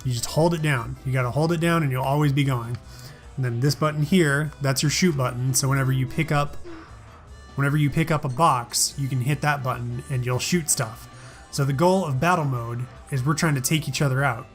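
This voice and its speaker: A man's voice: medium pitch, fairly quick, faint music behind. A man in his thirties casually commentating as he plays, explaining things playfully as the host. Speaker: host of a family gaming show.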